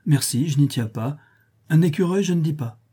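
A man's voice: a little high, normal speed, warm tone, breathy edge, pitched above the performer's own voice. A man voicing a little schoolgirl, lifting his voice to sound young and earnest. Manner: raised girlish voice, earnest. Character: little girl, shy then easily hurt.

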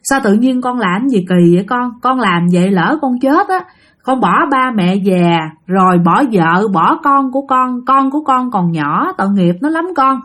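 A woman voicing an anxious elderly mother-in-law who pleads softly, in a spoken ghost story. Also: on the high side, animated, moderate pace. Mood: pleading.

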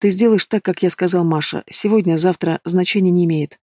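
A man voicing a domineering, possessive mobster in an audiobook, speaking low and mocking. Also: brisk, dry recording, studio quality. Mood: menacing.

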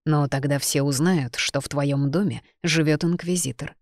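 Storybook figure: a woman reading a poised noble inquisitor, measured and quietly testing, in a low voice. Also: steady tone, no room sound, clean studio sound, natural voice. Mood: calm, testing. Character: cool, self-assured male inquisitor duke.

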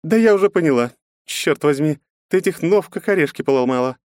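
A man voicing a brisk, caring young heroine who speaks in quick exclamations, in a storybook reading. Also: a little high, expressive, no room sound, clean studio sound, voice pushed up, natural voice.

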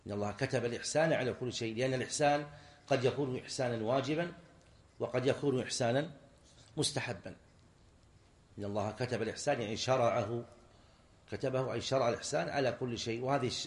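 A man's voice: mid-range voice, echoey room. A man teaching a religious lesson, explaining grammar point by point, repeating key words and asking his students questions. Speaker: sheikh teaching a class.

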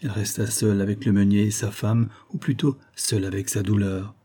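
A man narrating a classic novel as an audiobook, measured and dramatic. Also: fairly low pitch, flat delivery, warm tone, breathy edge. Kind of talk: scripted literary narration.

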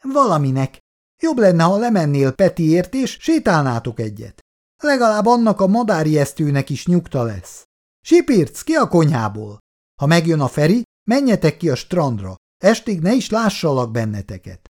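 A man's voice: a little high, wildly swooping pitch, a little mellow. A man reading a family story aloud and voicing a fussy, anxious middle-aged housewife who scolds and frets. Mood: fretful. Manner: fretful, bossy.

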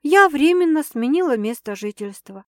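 A woman's voice: high voice, animated, normal speed, fairly bright tone, no echo, clean studio sound, pitched above the performer's own voice. A woman voicing a flustered young woman who answers hesitantly and a bit defensively. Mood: unsettled. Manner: hesitant, sighing, a little defensive. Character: flustered young woman, wary but curious.

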